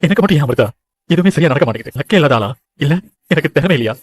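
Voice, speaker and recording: A man's voice: on the high side, animated, racing, dry recording. An actor playing a discouraged young man who tells his mother about chasing his film dreams, earnest and downcast. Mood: dejected. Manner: dejected, earnest, pleading. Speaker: son, aspiring film director. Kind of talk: TV serial acting.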